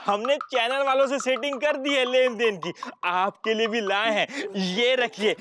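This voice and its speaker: A rhyming shroud salesman. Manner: rhyming sales pitch, hustling. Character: pushy male shroud-cloth company salesman. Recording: background music under dialogue.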